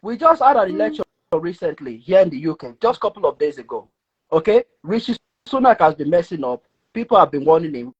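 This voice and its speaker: Nigerian man, high husky voice, exasperated, low-fi stream audio. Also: a little fast. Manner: animated, exasperated, repeats himself. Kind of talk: heated live debate. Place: living in the UK. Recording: muffled lo-fi live stream audio.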